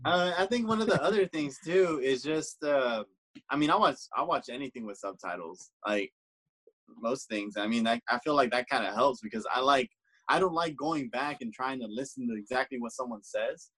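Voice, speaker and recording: A man co-hosting a casual podcast, ranting in an animated way and swearing freely. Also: medium pitch, normal speed, husky, low-quality recording. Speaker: podcast co-host. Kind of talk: casual chat.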